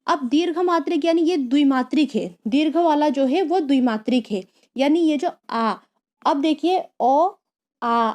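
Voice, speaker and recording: A woman's voice: sits high, mellow. A woman teaching a grammar lesson, explaining patiently, repeating key terms and asking rhetorical questions. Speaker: Sanskrit teacher.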